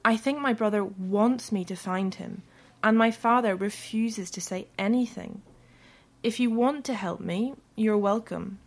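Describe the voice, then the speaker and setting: A woman voicing a young red-haired girl in an audio story, speaking English slowly and carefully. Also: medium pitch. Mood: earnest. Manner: slow, carefully spoken English.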